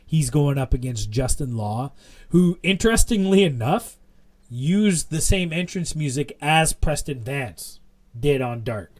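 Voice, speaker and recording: A man's voice: a little high, lively intonation, measured pace, darkish tone. A young man co-hosting a podcast, rambling through a casual wrestling recap with lots of fillers. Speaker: podcast co-host.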